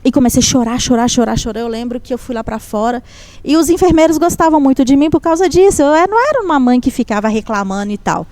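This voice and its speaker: Woman, high voice, heartfelt testimony, lively storytelling, acts out dialogue. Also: fast, no echo. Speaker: guest giving a testimony. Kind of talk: heartfelt personal testimony in a conversation.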